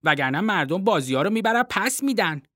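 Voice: mid-range voice, animated, pushed and bright, dry recording, studio quality, pitched above the performer's own voice. A storybook reader voicing an earnest, argumentative young schoolboy, pleading and defensive. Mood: eager. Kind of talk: storybook reading.

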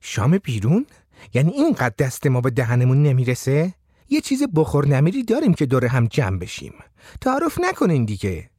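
A man's voice: mid-range voice, huge pitch swings, warm tone, no room sound, clean studio sound. A man narrating a story voices a chatty, hospitable old woman who fusses and insists on her hospitality. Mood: insistent. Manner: insistent, fussing hostess talk.

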